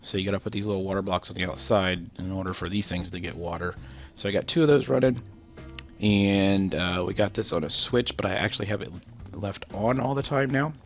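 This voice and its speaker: In this casual walkthrough, a commentator whose nose is stuffed up from a cold rambles through his game with loose explanations and many fillers. His low, nasal voice runs a little fast, with faint music playing behind.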